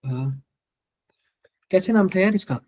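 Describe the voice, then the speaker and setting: A man's voice: high-pitched, expressive, unhurried, a little mellow. A man with a Hindi accent teaching chemistry to a live class, quizzing students and repeating each answer to drill it in.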